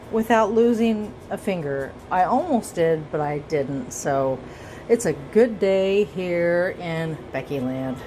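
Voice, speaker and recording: In a rough recording from her home kitchen, a tipsy woman with a lowish voice giggles through her cooking vlog. She rambles, jokes about herself and swears casually while music from the TV plays in the background.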